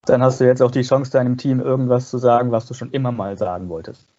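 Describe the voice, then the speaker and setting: A man's voice: medium pitch, level tone, quick pace, dark tone, highs cut off. A man hosting a company podcast, asking interview questions from a plan and slipping in jokes. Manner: jokey, reads questions from a plan.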